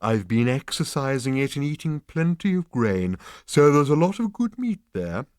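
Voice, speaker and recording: A man voicing a polite, placid bovine creature that offers itself as dinner, in slow, soft, courteous tones. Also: medium pitch, big pitch swings, smooth, dry recording, clean studio sound, voice pushed up, natural voice.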